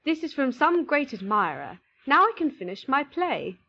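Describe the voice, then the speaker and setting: A woman's voice: high voice, big pitch swings, normal speed. A woman playing a hopeful, proud young male writer in a storybook, in slightly muffled sound. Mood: delighted. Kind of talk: acted storybook dialogue.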